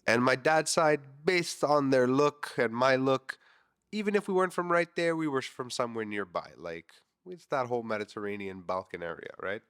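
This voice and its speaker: A podcast host in his thirties delivers a candid, rambling monologue, swearing freely, in a congested, nasal voice. His pitch is medium, his speed normal, and his tone fairly bright, clear and resonant.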